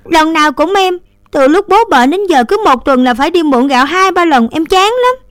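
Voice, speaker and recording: A woman voicing a short-tempered girl in a story who scolds sharply and loudly. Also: high voice, expressive, moderate pace, dry recording, voice pushed up. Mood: grumbling. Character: bossy short-tempered middle sister.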